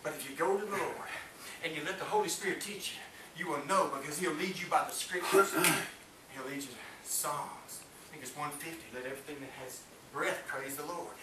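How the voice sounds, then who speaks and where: A middle-aged man with a fairly high, slightly fast voice delivers a Pentecostal-style sermon to a small congregation, fervent and rising and falling as he calls for amens. He's captured by a distant camera with no visible mic, so the small church hall sounds echoey, with a faint hiss.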